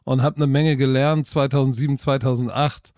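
A middle-aged German man, a football coach and TV expert, telling his story as a guest in a relaxed, self-deprecating way. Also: mid-range voice, moderate pace, no echo, studio quality. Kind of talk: casual interview talk.

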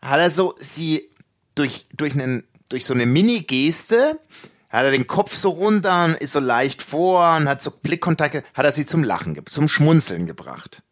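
A man spins a meandering anecdote in relaxed podcast chat. His voice sits a little high for a man. He restarts sentences often and leans on colloquial slang. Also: normal speed. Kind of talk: casual chat, storytelling.

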